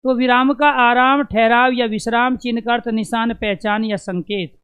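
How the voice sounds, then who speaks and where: A man's voice: very high-pitched, fairly even intonation, normal speed, a bit bright, clean tone. A man teaching an exam-prep lesson, who asks questions and answers them himself and repeats the key terms to drill them in.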